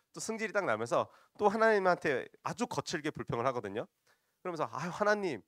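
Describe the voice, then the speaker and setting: A man's voice: medium pitch, fairly bright tone, no echo, clean studio sound. A man preaching a sermon, retelling a Bible story and often addressing the congregation directly.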